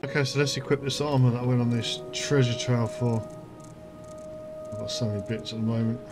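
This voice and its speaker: A man's voice: medium pitch, little pitch movement, a little fast. A man hosting his gaming channel, chatting casually as he plays and thinking aloud while he reads out item stats. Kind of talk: casual gameplay commentary. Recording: game music clearly behind voice. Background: game music.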